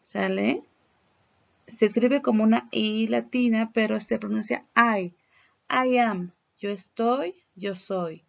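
A Mexican woman teaches English in a recorded slide lesson, explaining patiently and modeling words for her students to repeat. Her voice sits a little high with a gravelly edge, and she speaks very slowly. The recording sounds dull and lo-fi.

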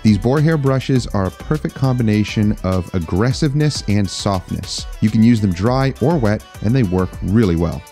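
Low-voiced man demoing detailing brushes. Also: lively intonation, moderate pace, hardly any pauses, mellow, faint music behind. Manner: upbeat, explanatory. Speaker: car detailing channel host. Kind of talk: product demo narration. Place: garage workshop.

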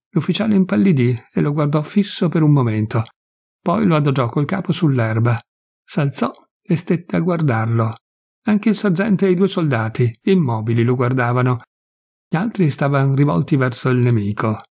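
A man reading a classic novel aloud in a measured, deliberate and solemn way. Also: a little high, animated, creaky, a little mellow, slightly rough. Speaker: audiobook reader. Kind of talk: scripted narration of a classic novel.

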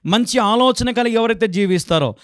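High-voiced man preaching with exhortation. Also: a little fast, no echo, studio quality. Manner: exhorting, repeated rhetorical questions. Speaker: pastor. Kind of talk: sermon.

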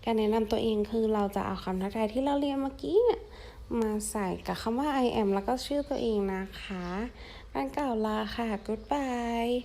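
A young woman who teaches English with a Thai accent and repeats each phrase slowly for her pupils to say back. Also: a little high, dark tone. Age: young adult. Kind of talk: slow, drawn-out classroom teaching.

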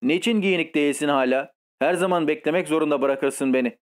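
Storybook figure: a bossy, spoiled old countess who scolds and commands, read by a man in a slightly high voice. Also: a little fast, natural voice. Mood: scolding. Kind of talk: audiobook reading.

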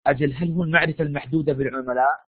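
A man's voice: a little high, very fast, no echo. A Saudi man lecturing in a live online class, quizzing his students, sick with a sore throat. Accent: Saudi Arabian. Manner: animated, coaxes students with quiz questions. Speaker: university lecturer. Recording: dry, phone-like online lecture audio.

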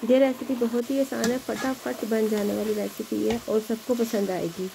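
A woman's voice: a little high, steady tone, moderate pace, creaky, background noise. A woman hosting a home cooking video, chatting in an encouraging way as she cooks in her kitchen. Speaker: home cooking channel host. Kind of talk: casual cooking demonstration.

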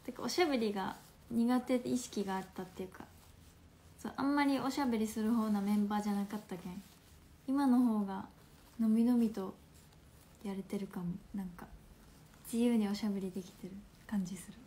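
A woman in her twenties from Fukuoka with a Hakata accent, chatting playfully on a phone livestream at home, laughing often and slipping into soft asides. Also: on the high side, a little fast. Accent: Hakata dialect. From Fukuoka, Japan. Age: 20s. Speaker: livestream host. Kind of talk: casual livestream chat reading viewer comments.

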